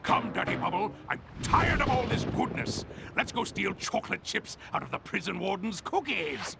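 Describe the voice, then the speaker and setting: A man voicing a haughty, scheming yet slightly awkward supervillain in a cartoon game, with a gravelly, theatrical delivery. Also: high voice, very animated, normal speed, very noisy, exaggerated voice. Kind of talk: cartoon video game acting.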